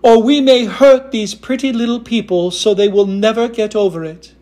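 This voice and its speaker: A man doing a gentle kind-hearted woodman. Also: high voice, fairly even intonation, normal speed, voice pushed up, natural voice. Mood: cautious. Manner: gentle, cautious.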